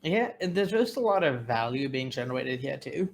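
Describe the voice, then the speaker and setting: Measured man giving game analysis. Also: mid-range voice, very animated, gravelly, slight background noise. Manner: measured and analytical, frequent fillers. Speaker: game caster. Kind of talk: analytical esports color commentary.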